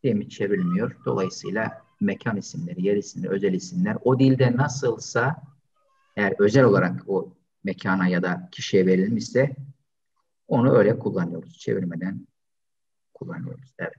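A man teaching an online language lesson, slowly drilling pronunciation and patiently repeating each word several times. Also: lowish voice, vocal fry, a little mellow. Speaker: Arabic teacher. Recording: distant, dull lo-fi sound.

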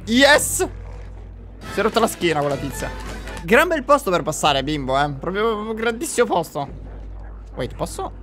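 Excitable high-voiced gamer. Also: male voice, normal speed, long pauses, soft background music. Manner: excitable, jokey, swings to panicked yelling; addresses viewers directly. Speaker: gamer playing a horror game. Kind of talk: let's play commentary.

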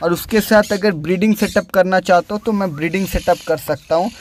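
The narrator is a young bird-breeding vlogger whose high, slightly mellow voice moves fairly quickly. In this chatty voice-over, recorded after filming rather than on location, he keeps addressing the listener as "friend," and there's a bit of background noise.

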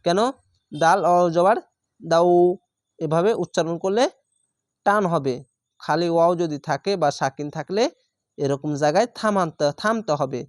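A man's voice: on the high side, a little slow, long pauses, dry recording, studio quality. A man teaching Quran reading, spelling out each word syllable by syllable, stretching the vowels and repeating them patiently before explaining the rules.

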